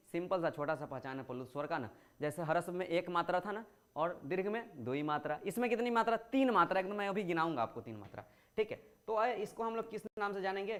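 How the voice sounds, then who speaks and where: A male teacher giving a grammar lesson to school students. He explains patiently, poses questions and answers them himself, and draws out words to show vowel length. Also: sits high.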